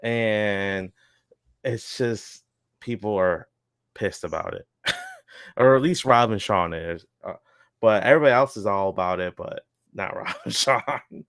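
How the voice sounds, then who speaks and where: Smooth low-voiced man, casual podcast host. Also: measured pace, long pauses, a bit bright, no echo, clean studio sound. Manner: rambling, lots of fillers and chuckles. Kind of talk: casual recap chat.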